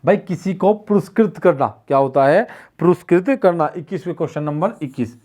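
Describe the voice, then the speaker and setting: A man's voice: fairly high pitch, brisk, a little mellow. A man teaching an online exam-prep Hindi class, who keeps asking questions and repeating the answers so students can follow.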